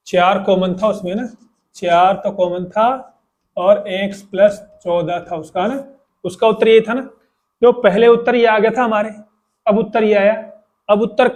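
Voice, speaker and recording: A man's voice: sits high, a little mellow. A man teaching a math lesson at the board, patiently repeating each step and asking his students questions. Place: classroom with boards.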